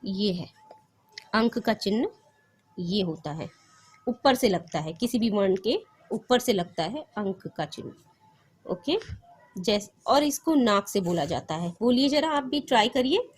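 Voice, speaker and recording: A woman's voice: medium pitch, expressive, a little slow, breathy edge. A young woman teaching a recorded grammar lesson for children, patient, repeating points and asking the class questions. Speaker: school teacher.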